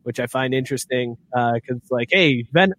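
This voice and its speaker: A man's voice: medium pitch, a little fast, a bit bright. A man hosting a casual sports podcast, joking and laughing often as he leads the topics. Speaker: podcast host.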